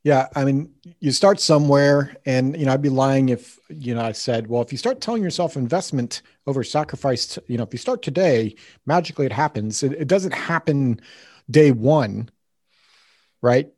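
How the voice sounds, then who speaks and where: A man's voice: mid-range voice, moderate pace, darkish tone, no room sound, studio quality. A man talking conversationally as a podcast host, explaining things like a coach.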